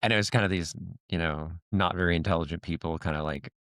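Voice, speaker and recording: A man's voice: low-pitched, fast, a bit bright, smooth, dry recording, studio quality. A man co-hosting a podcast in casual conversation, rambling with many fillers and acting out little quoted lines. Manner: rambling, heavy with "like" and "you know" fillers. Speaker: podcast co-host.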